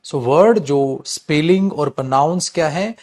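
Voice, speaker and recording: A man lectures a class on English words. He speaks in a lively, animated way and repeats key points again and again. His voice sits a little high for a man. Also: unhurried. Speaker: English teacher.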